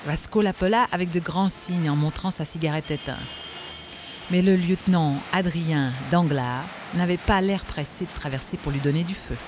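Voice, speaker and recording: A narrator reading a novel aloud in a wry, measured way. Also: mid-range voice, noisy background. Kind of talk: audiobook narration.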